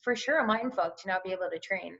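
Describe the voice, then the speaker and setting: A woman's voice: medium pitch, fast, gravelly. Frank woman on a dull recording. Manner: frank and expressive, swears freely. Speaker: podcast guest, bikini bodybuilder. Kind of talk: casual podcast chat.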